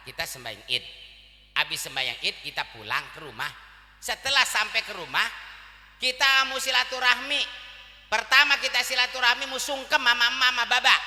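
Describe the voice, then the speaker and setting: A man with a Betawi accent giving a comic sermon, telling stories and acting out dialogue. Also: very high-pitched. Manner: storytelling with acted dialogue, lively. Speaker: preacher. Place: mosque gathering. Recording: echoey hall reverb.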